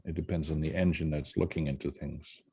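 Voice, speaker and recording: A man's voice: extremely low pitch, fairly even intonation, brisk, mellow, slightly rough, no room sound, clean studio sound. A man presenting in a video meeting, answering questions casually and frankly as he thinks aloud.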